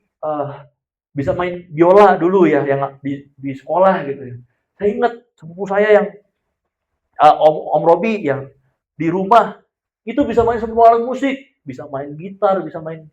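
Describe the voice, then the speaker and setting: A man preaching a sermon in a church in a casual storytelling way, swinging between loud and soft. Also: sits high, animated, moderate pace, reverberant, muffled recording. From Indonesia. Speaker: pastor. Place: church hall.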